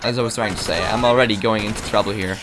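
Over loud game audio, a young man with a fairly low, steady voice talks quickly. He rambles casually as he plays, poking fun at himself as a gameplay commentator.

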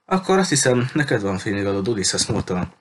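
A man's voice: lowish voice, very animated, a little hiss or hum. A man voicing a frightened but defiant teenage girl in an audiobook, pleading and stubborn at once. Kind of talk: audiobook character reading.

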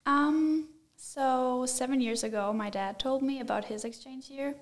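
A teenage exchange student from Germany, answering hesitantly with many fillers at a desk mic in a small studio. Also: female voice, sits high, unhurried. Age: teens. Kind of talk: casual interview answers. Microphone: desk mic with headphones.

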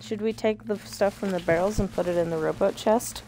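A woman's voice: mid-range voice, a little fast, warm tone, slight background noise. A woman chatting casually and playfully with friends while playing a video game, full of exclamations. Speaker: player in a co-op video game session. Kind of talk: casual gameplay chat with friends.

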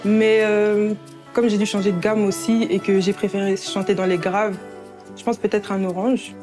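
A woman's voice: mid-range voice, flat delivery, normal speed, music in the background. A woman in her twenties from Belgium, a talent show contestant, speaking hesitantly with many fillers in a studio. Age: 20s. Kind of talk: gospel audition, chat and a cappella singing. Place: studio stage. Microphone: stand mic.

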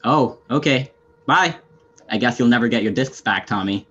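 A man's voice: mid-range voice, moderate pace, a bit bright, husky. A young man playing a stern, weary, menacing anarchist fighter, curt and sardonic, in an amateur video game role-play drama. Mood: dismissive. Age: young adult. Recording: muffled lo-fi headset audio.

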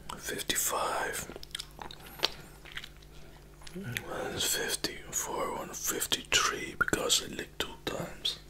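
A young man speaks entirely in a breathy ASMR whisper. His delivery is very slow and close, with wet mouth sounds as he sucks a lollipop between phrases. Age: young adult. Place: small living room, indoors.

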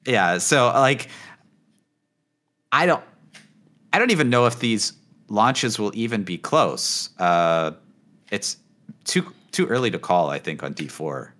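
A man hosting a casual gaming chat, rambling with lots of fillers and trailing off quietly at the ends of thoughts. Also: lowish voice, lively intonation, slow pace, long pauses. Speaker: gaming channel host.

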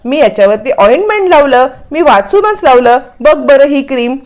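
A flustered young husband who fusses and scolds in the same breath, as a woman narrator reads him out. He repeats his words in a hurry, pitched fairly high. The tone is everyday, with no real change of voice. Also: lively intonation, normal speed, a little mellow. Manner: frantic, repeating himself. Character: flustered young husband fussing over a burn.

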